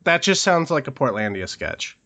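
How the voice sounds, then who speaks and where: A man's voice: medium pitch, very animated, bright, forceful tone. A man hosting a movie review podcast in casual chat, with a slightly froggy morning voice. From Utah. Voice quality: slight morning vocal fry. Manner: chatty, quick asides with hedging fillers. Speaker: podcast host. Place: Los Angeles area.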